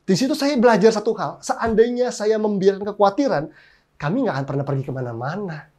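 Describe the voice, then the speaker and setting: A man in his thirties, a pastor, preaching a sermon through lively, humorous personal stories full of exclamations. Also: high-pitched, a little fast.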